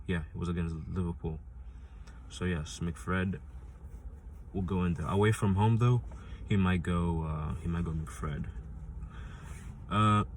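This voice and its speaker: Low voiced guy rambling about his lineup, keeps repeating himself, faint hum behind. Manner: rambling, frequent restarts and fillers; insistent, repeats points for emphasis. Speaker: football fan channel host. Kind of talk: casual fan prediction vlog.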